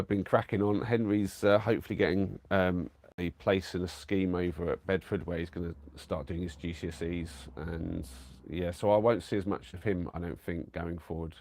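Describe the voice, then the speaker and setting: This man's voice is low-pitched with vocal fry, recorded without any room sound. Live-streaming from his camper van while a bit bunged up with a cold, he rambles to viewers in a chatty, warm way, often restarting and using fillers.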